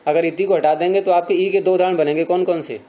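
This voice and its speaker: A male teacher lecturing on Sanskrit grammar, with a fairly high voice that stays mellow and warm. He explains each point step by step and keeps firing questions at his students. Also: fairly even intonation, fast, highs cut off.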